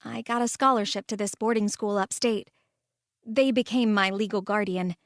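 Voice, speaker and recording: A woman narrating a first-person story in a calm, measured way and voicing the lead. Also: mid-range voice, no room sound, clean studio sound.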